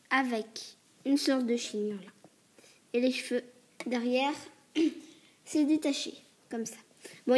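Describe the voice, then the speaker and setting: Hoarse chatty woman, fairly high voice. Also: very noisy. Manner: chatty and hesitant, many fillers and self-corrections; coughs and clears her throat often. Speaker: doll reviewer. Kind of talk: casual show-and-tell video review. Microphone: tablet mic.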